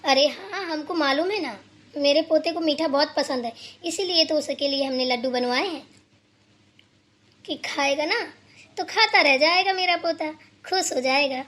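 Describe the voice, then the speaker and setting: A woman's voice: sits high, moderate pace, a bit bright. A woman voicing a stern, bossy older mother-in-law in a cartoon, scolding and lecturing her daughter-in-law. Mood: fond. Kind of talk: cartoon voice acting.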